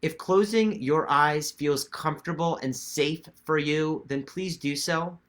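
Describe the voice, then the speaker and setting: A man giving guided meditation instruction to viewers in a gentle, reassuring and measured way. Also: a little high. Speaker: meditation teacher.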